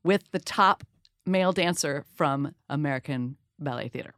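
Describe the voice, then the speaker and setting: A woman guest from Detroit, telling self-deprecating stories in a lively, animated way with acted-out voices. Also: deep voice, moderate pace, dry recording, clean studio sound. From Detroit, Michigan. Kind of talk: casual interview storytelling.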